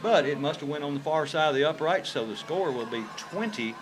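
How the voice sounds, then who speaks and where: A man's voice: fairly high pitch, lively intonation, a little fast. A man giving conversational play-by-play of a football game in a folksy, informal way. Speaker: play-by-play announcer for high school football. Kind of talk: conversational live sports commentary. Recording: live game broadcast with clear background noise.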